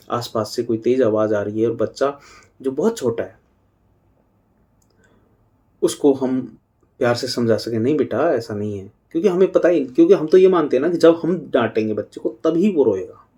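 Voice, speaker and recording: Middle-aged male spiritual teacher, unhurried talk, soft dark tone. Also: mid-range voice. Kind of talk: devotional talk on parenting.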